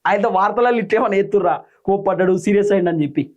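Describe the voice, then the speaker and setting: A man with a Telangana Telugu accent delivers solo political commentary in a fairly high voice. He talks very fast, piling up rhetorical questions and long lists of complaints. The recording sounds dull and lo-fi. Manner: rapid, rhetorical, listing grievances.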